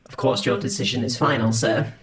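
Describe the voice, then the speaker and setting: A man voicing a prim, dutiful male android butler with a too smooth, polished, formal and precise manner. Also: medium pitch, fairly even intonation, a little fast. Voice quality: formal, precise, unflappable delivery. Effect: none; too smooth, polished android manner. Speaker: robot valet. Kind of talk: comedic audio drama. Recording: roomy echo, loud crowd noise behind.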